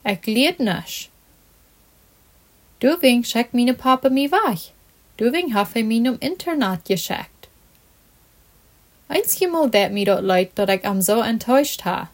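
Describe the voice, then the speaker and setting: Woman reading dejected young man, footballer, storybook, slow, fairly high voice. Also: animated.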